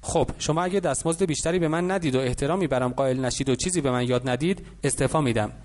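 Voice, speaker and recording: A man's voice: mid-range voice, darkish tone, close to an everyday voice. A man voicing a young boy who is angry but curious in an audiobook. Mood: defiant.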